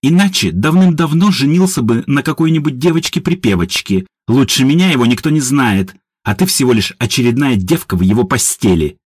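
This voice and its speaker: A man's voice: medium pitch, lively intonation, a little fast, few pauses, breathy edge, no echo, clean studio sound, pitched above the performer's own voice. A man playing a sneering, spiteful older woman. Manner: sneering, contemptuous.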